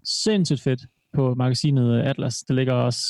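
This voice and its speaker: A man's voice: mid-range voice, fairly even intonation, a little mellow, dry recording. A man co-hosting a podcast in casual chat, laid-back and laughing as he rambles through anecdotes. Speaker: podcast co-host.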